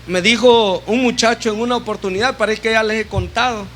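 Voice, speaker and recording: A man's voice: high-pitched, fairly even intonation, fairly quick, a bit bright, a little hiss or hum. A man preaching a sermon as a deacon in a church, addressing his brothers and sisters with frequent rhetorical questions. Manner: retells a conversation, acting out both sides.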